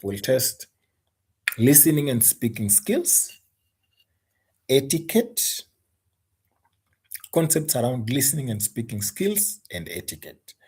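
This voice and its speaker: Kenyan guy teaching english exam prep, husky voice, bouncy up and down pitch, repeats himself a lot. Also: very animated, slow pace, pauses often, a little mellow. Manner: emphatic, repeats words and restarts.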